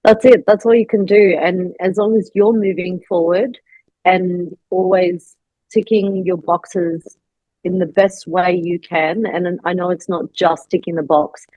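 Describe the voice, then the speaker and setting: A woman with a lowish voice speaks as a bodybuilding coach in a relaxed podcast chat. Her delivery is reassuring and advisory, often pausing on fillers as she thinks aloud. The sound is dry and close, with little room in it. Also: no room sound, poor audio. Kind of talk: casual podcast conversation.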